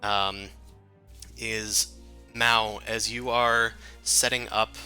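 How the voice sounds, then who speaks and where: A man narrating a tabletop game as game master in a halting, informal, casual way. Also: fairly low pitch, level tone, pushed and bright, faint music behind.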